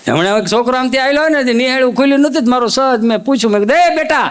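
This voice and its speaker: A man with a Kathiyawadi accent telling Gujarati-style jokes on stage with lively, animated storytelling. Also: very high-pitched, racing, slight background noise. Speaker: stand-up comedian.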